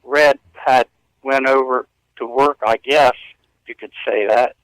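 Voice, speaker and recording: A fifty-something man tells stories as a radio interview guest from a hotel room, earnest and rambling, with frequent chuckles. His mid-range voice is steady, slow, a bit bright, and clean. The recording is dry but low-quality.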